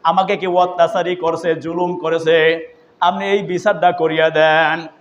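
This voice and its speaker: Man playing humble wronged commoner, high voice, dull lo-fi recording. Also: little pitch movement, measured pace, roomy sound, in a large hall, lightly acted. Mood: pleading. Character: poor wronged man seeking justice.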